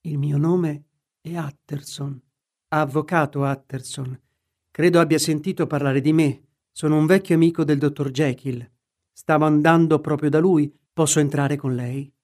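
Guy reading as a polite steady lawyer, slightly high voice, measured and calm. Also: lightly acted. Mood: courteous. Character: composed, polite middle-aged male lawyer.

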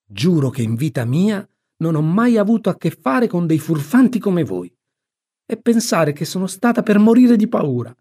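A man's voice: on the high side, animated, moderate pace, darkish tone, slightly rough. A man voicing an exasperated, flustered storybook aunt who sputters and scolds. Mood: exasperated, scolding.

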